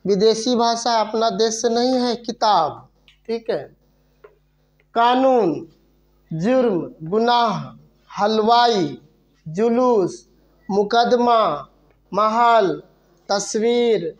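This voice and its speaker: A woman's voice: fairly high pitch, drawn-out words, pauses often, highs cut off. A woman teaching a grammar lesson, repeating each word and answering her own questions.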